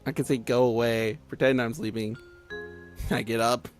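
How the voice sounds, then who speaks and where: A man's voice: medium pitch, fairly even intonation, normal speed, faint music behind. A man streaming a story game, reading it aloud with giggly, chatty asides.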